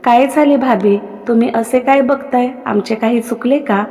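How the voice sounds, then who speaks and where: A woman's voice: a little high, moderate pace, warm tone, close to an everyday voice. A woman voicing a playful young man who teases his older brother's wife, read as part of a story with a long reverb. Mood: teasing. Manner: teasing, boyish.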